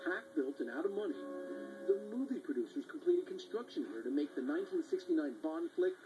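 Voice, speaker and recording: A man's voice: high voice, wildly swooping pitch, brisk, loud music behind the voice, rough recording. A man narrating a news travel feature in an upbeat, playful tone. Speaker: TV reporter.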